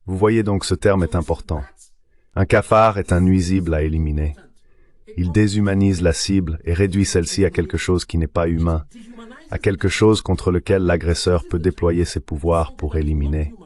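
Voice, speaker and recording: Very deep-voiced man explaining at length. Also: steady tone, normal speed, darkish tone. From Nigeria. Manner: explanatory, lecturing, builds points with examples. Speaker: professor and guest. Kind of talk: interview answer in a dubbed translation.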